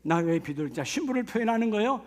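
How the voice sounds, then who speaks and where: A man's voice: high-pitched, sing-song, fast talker. A middle-aged male pastor, preaching a sermon with rising exclamations and questions to the congregation. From Gyeongsang Province, Korea.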